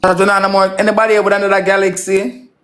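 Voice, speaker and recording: A woman's voice: mid-range voice, little pitch movement, fast talker, a bit bright. A Jamaican woman in her thirties hosting a live stream, coaxing her chat with repeated call-outs in patois. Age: 30s.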